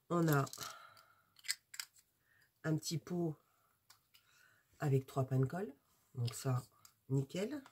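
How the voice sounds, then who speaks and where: Woman, from France, crafts vlogger, husky, mellow, chatty, hesitant, casual unboxing chat. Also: low-pitched. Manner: chatty and rambling, with many hesitations. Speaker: crafts YouTuber.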